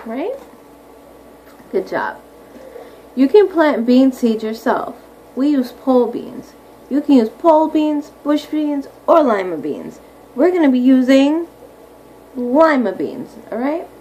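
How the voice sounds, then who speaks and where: Over clearly audible background noise, a woman with a somewhat high, slightly mellow voice reads aloud a lesson for young children. Like a primary teacher, she explains things simply and keeps checking in with questions. The recording is rough.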